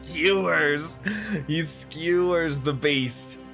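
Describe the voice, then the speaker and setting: A man plays a tabletop game, casually describing what his character does. His voice is bright and a little high for a man, and he takes his time. There is faint music behind him. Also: steady tone, drawn-out words.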